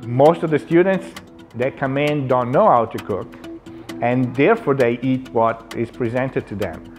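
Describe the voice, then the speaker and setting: A man in his forties, a culinary instructor, talking earnestly in a seated documentary interview and pausing often on "uh". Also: medium pitch, faint music behind. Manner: earnest, with frequent "uh" fillers. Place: indoor lounge, seated.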